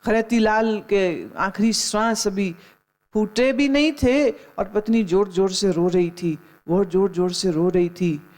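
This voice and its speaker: In a Gita discourse, a middle-aged woman spiritual teacher takes it slowly, her medium-pitched voice darkish in tone. She tells stories, admonishes listeners, and sprinkles in English phrases.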